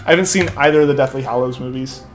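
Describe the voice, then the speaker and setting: Racing along at a medium pitch, a young adult man streams a game while reading viewer comments and chatting casually. He rambles, repeats "like" constantly, and keeps trailing off to restart. Soft background music accompanies him, and his headset mic feeds back into his headphones.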